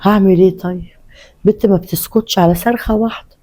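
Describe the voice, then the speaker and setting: A weary, resigned older mother, played by a woman in a family drama skit. Her voice is mellow and darkish, and she talks quickly with an Egyptian accent. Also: medium pitch, fairly even intonation, close to an everyday voice. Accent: Egyptian Arabic. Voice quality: tired, resigned.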